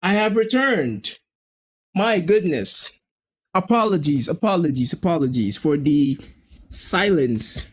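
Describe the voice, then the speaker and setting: A man hosting a live football watch-along, chatting casually to viewers and getting excited when a chance comes. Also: slow. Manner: chatty, jumping up in pitch at chances on goal. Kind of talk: casual live match commentary to a chat.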